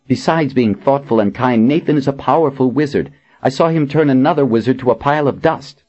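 A man's voice: mid-range voice, a little fast, darkish tone, muffled recording, pitched above the performer's own voice, close to an everyday voice. A man voicing a cheerful young woman who speaks with eager, breathless adoration.

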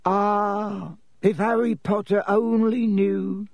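Dobby, a squeaky servile house elf. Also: male voice, animated, measured pace, darkish tone, slightly rough, dry recording, full character voice. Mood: tearful, reverent. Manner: speaks of self in third person, obsequious. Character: small servile house elf, pleading, fearful, self-punishing.

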